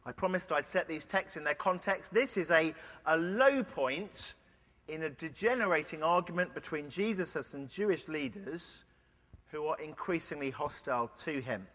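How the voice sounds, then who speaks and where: A man preaching a sermon, earnest, with playful illustrations and quiet emphasis. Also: on the high side, animated, moderate pace. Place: large church. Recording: long church reverb.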